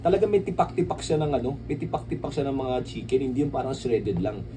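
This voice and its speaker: A man with a Filipino accent talks his way through an unboxing vlog in a mid-range, sing-song voice at a quick pace. His chat is rambling, peppered with tag questions that seem to ask for agreement. Noise is obvious, and the mic is distant.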